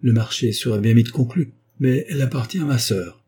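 A man's voice: mid-range voice, a little fast, dark tone, a little hiss or hum, lightly acted. A man doing a courtly old baron. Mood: courteous. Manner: courteous, patient. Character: weary old aristocratic baron.

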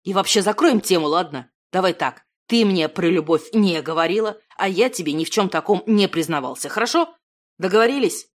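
Lady doing a lower voice for a self-mocking guy of thirty, a failed artist, fumbling. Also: expressive, a little fast. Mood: heated. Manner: self-deprecating, fumbling, then heated.

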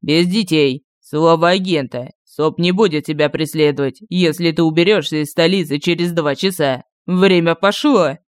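A woman voicing a calm, businesslike male agent who speaks in a formal, clipped way, in an audiobook. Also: sits low, normal speed, few pauses, no echo, lightly acted.

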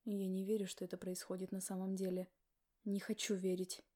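Woman doing a gloomy, hurt husband in an audiobook, low and dark. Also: flat delivery, brisk, natural voice. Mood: grim. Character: grieving husband, a hoarse, gloomy man.

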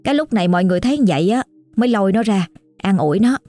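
A woman's voice: mid-range voice, expressive, very fast, dark tone, dry recording, soft background music. A woman with a Southern Vietnamese accent telling a story in a chatty, colloquial, exclamatory way. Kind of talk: casual oral storytelling.

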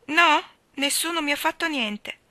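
A woman's voice: high-pitched, unhurried, bright, forceful tone, no room sound, pitched above the performer's own voice. A woman reading an audiobook, voicing a mischievous, contrite small boy in an emphatic, pleading way. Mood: anxious. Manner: pleading, emphatic childlike delivery.

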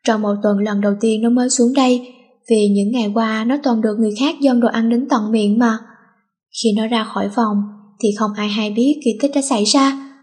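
A woman reading a teen novel aloud in a steady, plain storytelling manner. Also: a little high, normal speed.

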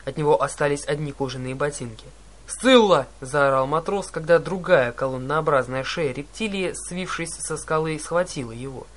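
A man reading a first-person adventure story aloud, with dramatic, animated narration. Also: on the high side, moderate pace, hardly any pauses. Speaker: audiobook narrator.

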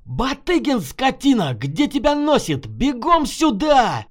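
A man playing a tough army officer who bellows orders and turns hushed and tender when he speaks of love. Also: on the high side, big pitch swings, a little slow. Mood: bellowing. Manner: shouting orders, then hushed.

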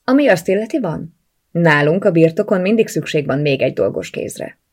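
A woman's voice: lowish voice, lively intonation, husky. A woman reading an audiobook voices a caring, outspoken young woman friend who talks earnestly and coaxingly. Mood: encouraging.

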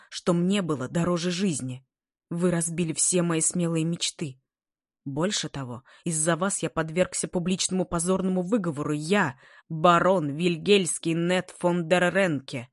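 A woman's voice: on the low side, no echo, clean studio sound, natural voice. A woman doing a spiteful haughty young baron. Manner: bitter, hateful, proud.

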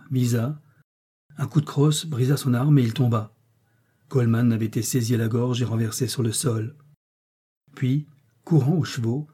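Dark, husky male audiobook narrator. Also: mid-range voice. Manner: measured, dramatic reading. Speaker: audiobook reader. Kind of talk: literary narration.

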